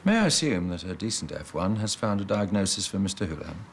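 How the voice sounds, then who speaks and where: A stern senior surgeon in a TV hospital drama, with a low voice. He is formal and restrained, choosing precise, clipped phrases. There is faint noise behind him. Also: big pitch swings, fast talker. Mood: measured, firm. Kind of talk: scripted TV drama dialogue.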